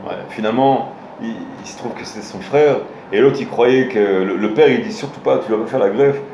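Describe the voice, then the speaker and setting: A rabbi with a lowish, mellow voice speaks at a normal pace during a casual Torah lesson. Telling stories to his listeners, he often hesitates and starts over. The recording has a little hiss or hum and faint ambience from a roomy room.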